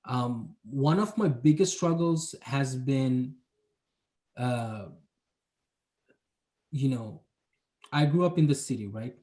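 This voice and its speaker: Slow and full of long pauses, this Bangladeshi urban planner has a mid-range, dark-toned voice with lively intonation. The young man is a guest in a casual interview, reflecting on his planning work and hedging with lots of fillers.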